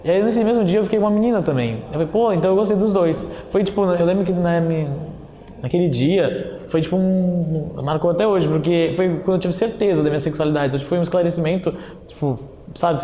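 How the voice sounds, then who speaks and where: A man's voice: fairly high pitch, fast talker, mellow, slight background noise. A nineteen-year-old man with a Brazilian accent, telling his story in a casual, slangy way. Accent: Brazilian Portuguese. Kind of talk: personal testimony. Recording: echoey room, faint ambience.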